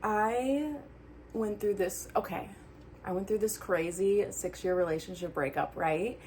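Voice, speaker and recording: A young adult woman talking casually to camera like a friend, earnest and animated, sometimes dropping into soft asides. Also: mid-range voice, measured pace, a little hiss or hum. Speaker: vlogger giving breakup advice. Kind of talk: casual heart-to-heart chat to camera.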